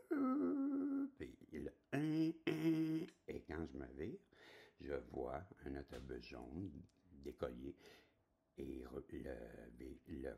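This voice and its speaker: A Québécois man in his sixties who hosts a spiritual channel tells a personal story, rambling and chatty, checking that viewers are following along. His voice is bass, darkish in tone, with vocal fry, and he has a Québécois French accent.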